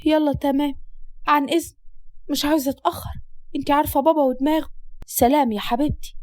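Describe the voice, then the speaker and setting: A woman's voice: high-pitched, fairly even intonation, fast, darkish tone, no room sound, lightly acted. A woman voicing a timid young Egyptian schoolgirl with an Egyptian accent, pleading and fearful. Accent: Egyptian Arabic.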